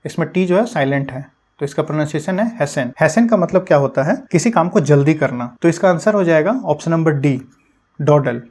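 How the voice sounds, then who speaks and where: A man's voice: fairly high pitch, expressive, fairly quick, a little mellow. A young man teaching English vocabulary for exams, patiently explaining word meanings in Hindi with English terms mixed in. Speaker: exam-prep English teacher.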